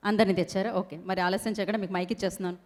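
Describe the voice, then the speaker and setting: A woman anchor speaks quickly and playfully on stage. She teases the performer before handing him the microphone. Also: mid-range voice, steady tone. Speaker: event anchor.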